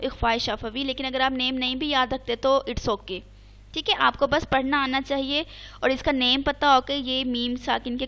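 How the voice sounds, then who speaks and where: Brief: high, clear female teacher; patient online recitation lesson, repeats and checks. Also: a bit bright. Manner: chants Arabic examples slowly.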